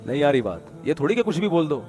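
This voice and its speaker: A man's voice: on the high side, very animated, warm tone. A man giving moral advice through stories, in a conversational way, often calling his listeners brother. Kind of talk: storytelling advice talk.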